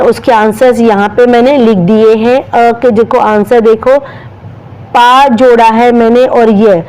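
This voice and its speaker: Female teacher, fairly high voice, slow deliberate syllable-by-syllable delivery for young students. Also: a little mellow, poor audio. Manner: spells out syllables slowly, addressing children directly. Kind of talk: slow step-by-step lesson for children.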